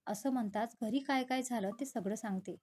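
A woman's voice: fairly high pitch, fairly quick, a little mellow, lightly acted. A woman voicing a nervous young female relative who talks hesitantly. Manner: hesitant, faltering.

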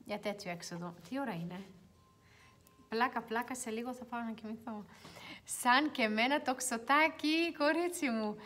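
A young woman hosting a casual makeup livestream, chatting and reading viewer comments aloud, sometimes dropping to quiet mutters. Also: fairly high pitch. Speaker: beauty livestream host. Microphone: phone.

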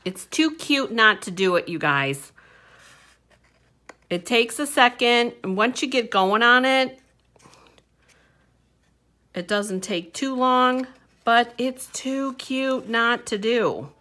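A woman with a highish, bright, forceful voice and lively intonation teaches a papercraft project at her craft table, speaking slowly with long pauses. She talks casually through each step, filling gaps with fillers and little hums.

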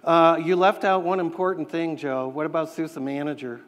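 A man's voice: on the high side, flat delivery, normal speed. A middle-aged man joining a keynote on stage, dry and teasing in scripted banter. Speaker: sales engineer, demo guest. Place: large conference hall stage. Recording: long hall reverb, faint room noise.

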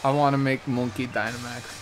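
A young man playing a video game on camera, joking with his co-host in a deadpan, playfully indignant way. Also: medium pitch, brisk. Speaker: let's play player. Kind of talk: casual gameplay commentary. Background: game music.

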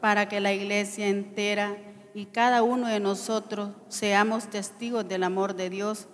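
A woman reading the prayers of the faithful at Mass in a measured, solemn cadence, her voice carrying a long cathedral echo. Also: mid-range voice, level tone. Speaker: lector reading petitions at Mass. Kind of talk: liturgical reading of intercessions. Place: large church. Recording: long church reverb, faint noise.

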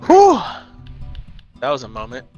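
A man playing a video game with a friend, swearing and erupting into furious yelling. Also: medium pitch, expressive, fairly quick, muffled recording, soft background music. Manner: explosive profane yelling. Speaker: gamer. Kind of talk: gameplay chat.

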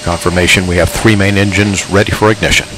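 A man giving formal, measured launch countdown commentary as an announcer. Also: sits low, fairly even intonation, background noise.

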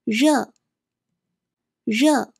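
A woman teaching vocabulary as a slow pronunciation drill, saying each word syllable by syllable and then repeating it. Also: a little high, creaky, darkish tone, slightly rough, no echo, studio quality. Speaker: Chinese teacher.

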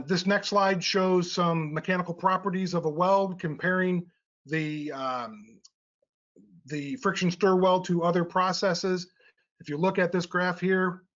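Man, middle-aged, technical webinar presenter, fairly high voice, filler-heavy explaining, dull webinar audio. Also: fairly bright tone.

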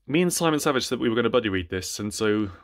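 This thirty-something man chats about books on camera very quickly, with lively intonation at a medium pitch. He's a vlogger in a small bookshelf-filled room, and slight background noise is audible as he rambles, hesitates, and breaks off partway through sentences.

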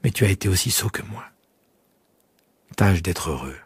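A man's voice: deep voice, animated, moderate pace, slightly rough, dry recording, full character voice. A man voicing a proud, fragile female flower in an audiobook, tender while hiding tears. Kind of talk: audiobook character voice.

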